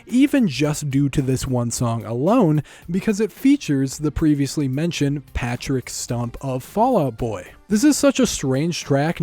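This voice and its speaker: A man narrates a music review from a script, wry and opinionated. His voice sits a bit high for a man and swings around a lot. The tone is warm and dark, and the sound is dry and close. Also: no echo.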